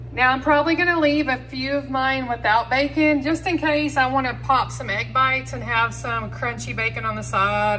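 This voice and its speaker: A woman's voice: a little high, fairly bright tone, a little hiss or hum, low-quality recording. A woman giving chatty step-by-step cooking instructions in her home kitchen, talking straight to her viewers. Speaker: home cooking channel host. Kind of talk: casual cooking demonstration.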